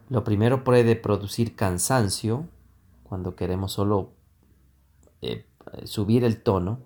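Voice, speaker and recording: A man teaching a lesson on public speaking, explaining voice exercises deliberately with frequent pauses and fillers. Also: on the low side, dark tone. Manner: slow, deliberate instruction with hesitant fillers; demonstrates vocal exercises with sustained vowels. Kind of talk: voice training lesson.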